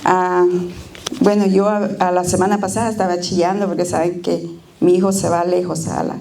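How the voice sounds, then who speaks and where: A woman's voice: lowish voice, level tone, normal speed, vocal fry, warm tone. A middle-aged woman giving a personal testimony and prayer at a church service, tender and plainspoken with frequent hesitations. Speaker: church member giving a reflection.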